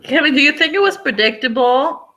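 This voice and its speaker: High-pitched, expressive, and brisk with a sharp tone, a woman hosts a live online book discussion in a casual, chatty way. She rambles and says "like" frequently.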